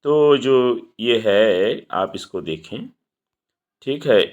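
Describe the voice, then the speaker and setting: Male teacher, slow-paced, explanatory, grammar lesson, reads example sentences aloud. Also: fairly low pitch, lively intonation, darkish tone, lo-fi sound. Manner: slow, explanatory, repeats "ठीक है", reads English sentences out slowly. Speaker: English teacher. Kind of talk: exam-prep grammar lesson.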